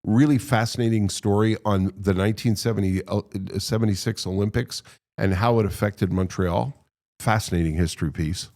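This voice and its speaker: A man co-hosting a podcast in casual chat, animated and quick to laugh. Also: lowish voice. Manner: animated, laughs often, restarts sentences. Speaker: podcast co-host. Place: podcast studio.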